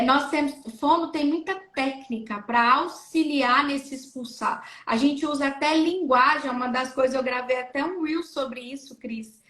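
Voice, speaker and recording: On a live stream, a woman speech therapist with a Brazilian Portuguese accent explains her material, acting out coughs and vowels as demonstrations. Her voice is high and fairly bright, with a reverberant sound.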